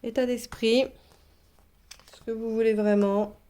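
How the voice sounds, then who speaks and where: A woman giving a tarot reading, talking in a casual, reassuring way and pausing often to find her words. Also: fairly high pitch, flat delivery, dark tone. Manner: thinking aloud, many fillers, reassuring asides. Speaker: tarot reader.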